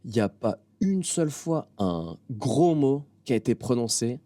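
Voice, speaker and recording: A French man in his thirties speaks as a guest in a casual interview, his voice warm and relaxed. He tells animated stories full of small fillers and restarts. The sound is dry and close, with no room echo. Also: mid-range voice, normal speed. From France. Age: 30s. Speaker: guest, comedian and doctor. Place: venue backstage, indoors.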